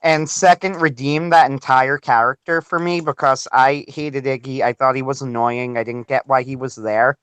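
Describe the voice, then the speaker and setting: A man co-hosting a casual livestream chat, giving quick, enthusiastic opinions. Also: medium pitch, steady tone, a bit bright, clean tone, no room sound. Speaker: podcast co-host.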